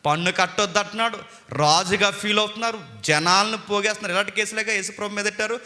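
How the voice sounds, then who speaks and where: A man with a Telugu accent preaching a sermon with passion, his pitch and loudness rising and falling sharply. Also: fairly even intonation, fast, big-room sound. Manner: impassioned preaching with dramatic swings of pitch and loudness. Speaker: pastor.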